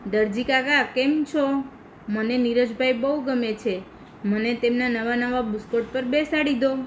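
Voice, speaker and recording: A woman's voice: a little high, a little slow, a little hiss or hum, close to an everyday voice, poor audio. A woman voicing a small childlike pocket in a children's story, with a childlike manner that swings between sobbing and giggling. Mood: eager. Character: little weepy male pocket, cheerful when happy.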